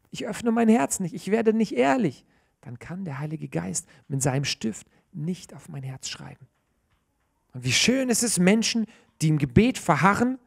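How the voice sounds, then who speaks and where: Male preacher, 30s, earnest church sermon, animated delivery, lots of fillers and restarts. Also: high-pitched.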